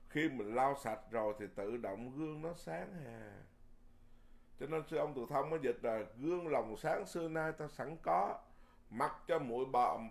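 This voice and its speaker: A man who is a Buddhist monk, giving a Dharma sermon in a lively, folksy way, often repeating words and chuckling. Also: medium pitch.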